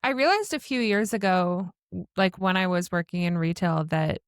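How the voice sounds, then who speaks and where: A woman co-hosting a podcast in casual chat, wry and quick with short quips. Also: lowish voice, clear, resonant tone, no echo, clean studio sound. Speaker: podcast co-host.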